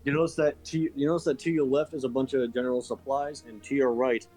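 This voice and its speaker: A man's voice: mid-range voice, steady tone, fast, darkish tone. Hesitant male game master, faint music. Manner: hesitant, with many restarts. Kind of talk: narrating a tabletop game.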